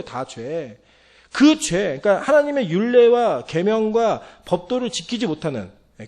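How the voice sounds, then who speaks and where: A man preaching a sermon with a high, lively voice that swings widely in pitch. He talks fast and animatedly, acting out the voices he quotes as he speaks. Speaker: pastor.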